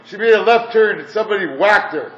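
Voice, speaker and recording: A man's voice: sits high, lively intonation, fast, fairly bright tone. A man in his fifties from Indiana, rambling crudely through stories as a coffee shop customer and chuckling between them. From Indiana, USA. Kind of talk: rambling monologue. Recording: echoey dull distant room recording with music.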